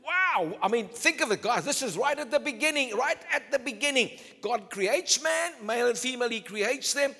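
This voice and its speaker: A male pastor preaching a sermon emphatically, swinging between loud declarations and low, intense tones. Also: animated, moderate pace, few pauses. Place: church hall. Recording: long hall reverb.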